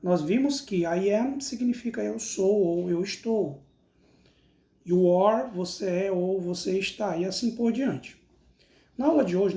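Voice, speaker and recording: A teacher with a Brazilian Portuguese accent explains grammar at an unhurried pace in a soft, mellow tone. Each example is read out and then translated. The recording rings with a noticeable room echo. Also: medium pitch. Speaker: English teacher. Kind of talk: slow recorded language lesson. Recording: roomy, echoey recording.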